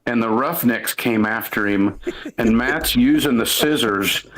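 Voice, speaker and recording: A man's voice: mid-range voice, unhurried, a bit bright, poor audio. Middle-aged oklahoma guy, ex coach, chatting hoops, rambles and restarts a lot. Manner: rambling, storytelling, frequent restarts and "listen". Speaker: sports talk show co-host, former coach. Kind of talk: casual sports talk.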